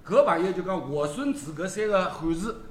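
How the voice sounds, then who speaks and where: A man's voice: high voice, normal speed, echoey room, slight background noise. A man with a Shanghainese accent, a sports commentator hosting a casual chat in a restaurant, laughing often as he tells stories. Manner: animated, laughing often, storytelling. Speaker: sports commentator and show host. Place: seafood restaurant.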